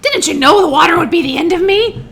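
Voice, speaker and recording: A woman voicing a wicked, cunning old witch in a storybook, with a shrill, wailing, dramatic delivery. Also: big pitch swings, moderate pace, fairly bright tone. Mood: screaming despair. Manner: dramatic, taunting. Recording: noisy recording with low rumble.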